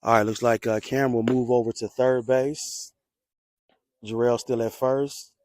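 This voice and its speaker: A young man calling play-by-play for his school's junior varsity baseball team, rooting for his side and jumping up in pitch on big plays. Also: unhurried, dry recording, clean studio sound. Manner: excitable, rises sharply on big plays. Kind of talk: homer play-by-play commentary. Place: ballpark.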